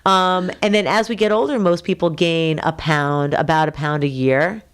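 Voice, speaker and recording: A woman in her fifties with a somewhat low voice, co-hosting a podcast chat. She explains things patiently and in plain terms. She often repeats a phrase to drive the point home. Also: fairly even intonation, moderate pace, clear, resonant tone. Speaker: podcast co-host. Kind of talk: casual chat.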